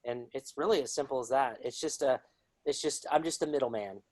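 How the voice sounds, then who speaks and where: A man's voice: mid-range voice, brisk, a little mellow, no echo. Easygoing Southern man telling stories. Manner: easygoing storyteller, laughs often. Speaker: podcast guest, coin dealer. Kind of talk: casual chat.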